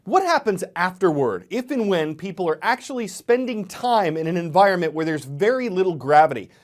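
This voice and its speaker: A news anchor reading a scripted segment in a measured, clear way. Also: medium pitch, sing-song.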